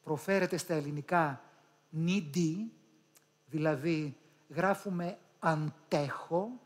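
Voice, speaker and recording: A Greek man with a Patras accent speaks to a live audience in a room, coaching them on public speaking. He is animated and addresses the listeners directly. He sounds out pronunciations aloud as he teaches. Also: a little high. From Greece.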